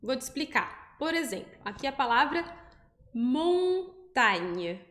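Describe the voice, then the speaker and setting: A Brazilian woman teaching French pronunciation, explaining patiently step by step and saying each example word slowly. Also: high-pitched, lively intonation, fairly bright tone, reverberant. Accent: Brazilian Portuguese. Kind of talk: pronunciation lesson.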